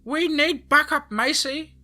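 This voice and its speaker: A man voicing a tough, fierce elderly grandmother who shouts urgent commands in a story narration. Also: extremely high pitch, sing-song, moderate pace, soft background music, voice pushed up, full character voice. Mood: urgent shouting.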